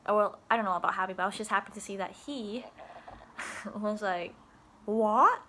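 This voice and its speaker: A woman's voice: medium pitch, steady tone, a little fast, pushed and bright, slight background noise. A young woman telling a casual video diary about her day at after-school care, chatty and giggly, with many restarts and laughs.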